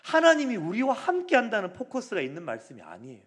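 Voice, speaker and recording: Animated male pastor preaching. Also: fast talker. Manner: swings from soft, low asides to loud, rising exhortation. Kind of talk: sermon. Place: church.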